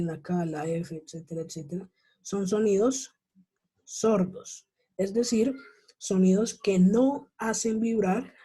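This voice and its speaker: A woman's voice: medium pitch, dark tone, husky, poor audio. A woman teaching an online English class in Spanish with a Colombian accent, explaining patiently and often checking in with her students. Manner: patient, explanatory, checks in with frequent tag questions.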